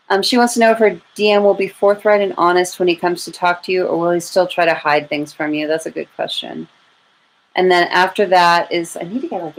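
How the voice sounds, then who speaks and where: An American woman with a fairly low voice hosts a live tarot reading, chatting informally with viewers and thinking aloud as she goes. The audio is poor, with clear background noise and room ambience.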